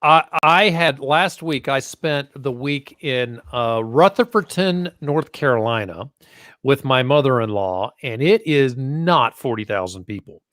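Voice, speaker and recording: A man's voice: mid-range voice, animated, a little slow, fairly bright tone, no echo, clean studio sound. A man hosting a casual interview podcast, chatty and jokey, with a self-deprecating streak. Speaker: host.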